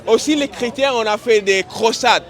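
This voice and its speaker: A high-voiced man from Senegal debates earnestly on a city street. He speaks haltingly and often restarts his sentences, with a faint crowd murmuring around him. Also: a bit bright. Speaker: passerby.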